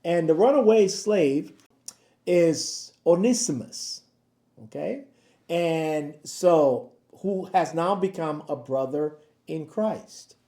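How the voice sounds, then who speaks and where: A pastor with a slightly high, expressive, warm voice speaks slowly to the camera in a daily devotional Bible talk. He keeps it conversational, often checking in with listeners through "okay?" and "right?", and the room sounds echoey.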